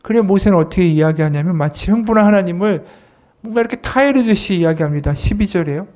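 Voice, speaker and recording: A man's voice: high voice, lively intonation, quick pace, darkish tone. A man, an associate pastor, preaching an earnest sermon and voicing quoted scripture and dialogue with emphasis.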